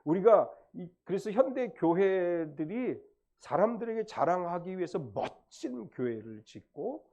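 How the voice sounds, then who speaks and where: A man's voice: high voice, big pitch swings, unhurried, a little mellow, lo-fi sound. A man preaching a Sunday sermon as pastor, explaining the meaning of words with rising and falling emphasis. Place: church sanctuary.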